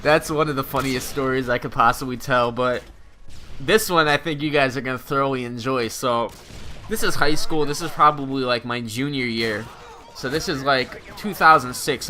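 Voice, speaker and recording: Bright-voiced young man telling funny stories. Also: mid-range voice, normal speed, a little hiss or hum. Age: 20s. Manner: animated, slangy, laughing as he tells stories. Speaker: gaming channel host. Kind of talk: gameplay commentary storytelling.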